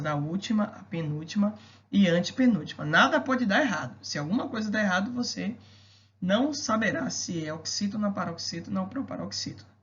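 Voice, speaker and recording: A woman teacher giving a recorded grammar video lesson, explaining rules step by step and checking in with rhetorical questions. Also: lowish voice. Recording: dull lo-fi recording.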